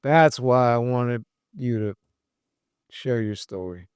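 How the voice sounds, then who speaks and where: A man's voice: medium pitch, slow pace, darkish tone, clean tone, no room sound, studio quality. A man hosting a podcast in casual chat, encouraging and laid-back, saying "bro" and "man" often. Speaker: podcast host.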